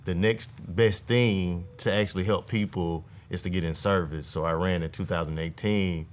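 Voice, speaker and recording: A man in his thirties, a state legislator, talking earnestly in a relaxed conversation and often adding "right?" to his points. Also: low voice, moderate pace. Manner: earnest, reflective, tag questions. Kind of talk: casual conversation.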